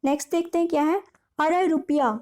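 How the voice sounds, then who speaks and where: A woman with a high voice explains exam memory tricks to her students. She talks in a chatty, repetitive way and keeps asking little questions that she answers herself. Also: steady tone, quick pace, darkish tone. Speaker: teacher.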